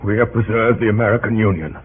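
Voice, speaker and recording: An actor playing Abraham Lincoln as a solemn, earnest statesman, speaking in measured, deliberate oratory in an old radio drama. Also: on the low side, steady tone, slightly rough. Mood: solemn, hopeful. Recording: old tinny, narrow-band radio recording.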